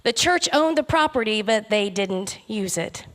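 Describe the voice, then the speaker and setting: A woman's voice: medium pitch, animated, measured pace, fairly bright tone. A woman preacher giving a conference talk, earnest, with rhythmic lists.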